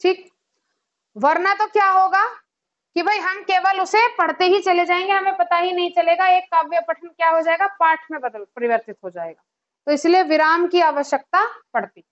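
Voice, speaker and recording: A woman with a very high, light voice teaches a Hindi exam-prep class. She works through each point by asking herself questions and checking in with her students again and again. The recording sounds slightly dull and lo-fi. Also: normal speed. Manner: explains with rhetorical questions and repeated check-ins; chants verse examples in a sing-song rhythm. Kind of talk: online exam-prep lecture.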